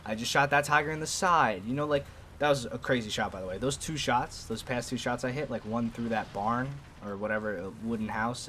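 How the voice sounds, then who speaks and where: A man's voice: medium pitch, a bit bright, a little hiss or hum. A young man with a New York accent, a gaming video host chatting casually and rambling to his viewers over gameplay.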